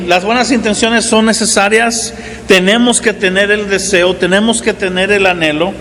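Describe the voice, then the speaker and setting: A fairly high-voiced man in his forties preaching to his congregation in an easygoing, conversational style, tossing in little check-ins with the room. His voice rings out with a long reverb tail, and a faint hiss sits underneath. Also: fairly bright tone. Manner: conversational preaching with frequent "¿verdad?" asides. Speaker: pastor. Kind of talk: sermon. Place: church hall.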